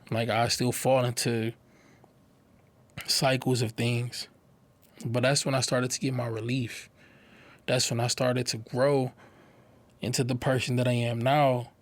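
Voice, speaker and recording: A young man giving a personal testimony to a live audience, earnest and halting, often repeating words as he speaks. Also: mid-range voice, dry recording.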